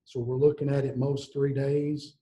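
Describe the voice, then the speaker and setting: A man's voice: mid-range voice, flat delivery, mellow, poor audio. A man speaking earnestly on a video call in an office, often restarting his sentences. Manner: earnest, halting, many restarts. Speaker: school district director. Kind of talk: board meeting remarks.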